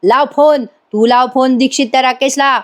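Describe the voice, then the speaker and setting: A furious older crime boss barks threats and orders at his man, his voice pushed up and sharp , voiced by a woman narrator. He sounds suspicious and domineering, from a retold TV drama. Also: high-pitched, fairly even intonation, moderate pace, voice pushed up, natural voice. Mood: angry. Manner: shouting, threatening. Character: angry scheming older male gang boss.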